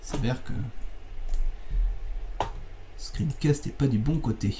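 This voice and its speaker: A man teaching a software tutorial over a screencast, talking in a casual, chatty way with fillers and self-corrections. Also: medium pitch, slow, background noise.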